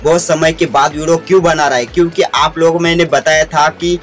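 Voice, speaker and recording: A young man from India vlogging casually, talking rapidly with many repeats and restarts. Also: on the high side, fairly even intonation, faint music behind. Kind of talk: casual vlog talk to camera.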